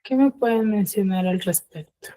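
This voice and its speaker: Her warm, mid-range voice moves at a normal speed as she explains grammar to an online class. She breaks the lesson into steps and keeps checking in with short questions, often a simple "¿sí?", all heard through a video call.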